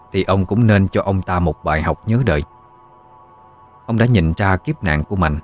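A man narrating a ghost story in a low, measured voice. He tells it steadily, with quiet music playing behind him.

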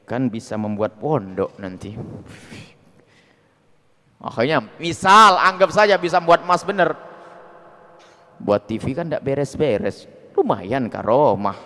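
Animated high-voiced male preacher in hall. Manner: animated, swings from soft to loud. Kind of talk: sermon. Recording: long hall reverb.

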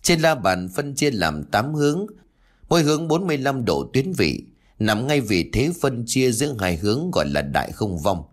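A man voicing a calm older feng shui master who explains things slowly and evenly. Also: medium pitch, voice pushed up. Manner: measured, explaining.

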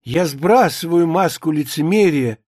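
A man's voice: on the high side, animated, a little slow, darkish tone, no echo, studio quality, pitched above the performer's own voice. A man reading a play aloud, voicing a naive young maid who swoons over a romance novel. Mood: dreamy.

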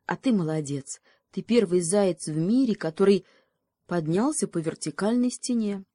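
A woman's voice: medium pitch, expressive, moderate pace, warm tone, no echo, studio quality, lightly acted. A woman voicing a small, brave male hedgehog who urges his friend on while stoic through pain, in a storybook reading.

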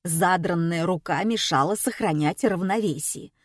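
A woman narrating a first-person story in a wry, measured manner. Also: lowish voice, dry recording, clean studio sound. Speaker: audiobook narrator.

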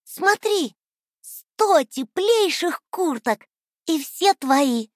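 A shrill, very high storybook puppet boy, stubborn and quick to flare up. He pleads and protests in a squeaky child's voice, drawing his words out slowly. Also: animated, no room sound, clean studio sound, exaggerated voice. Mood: eager. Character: stubborn hot-tempered wooden puppet boy.

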